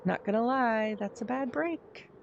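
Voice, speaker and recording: A woman voicing a brash, mischievous, tough-talking boy in a video game, with a cocky, slangy, rough-edged delivery. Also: a little high, unhurried, dull audio, slight background noise. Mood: cocky, goading.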